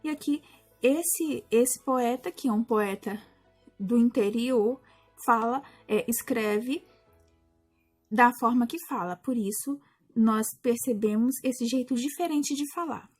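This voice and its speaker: High-voiced patient woman teacher. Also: slow pace, a little mellow, soft background music. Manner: patient, explanatory, with many restarts and fillers. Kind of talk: recorded class explanation.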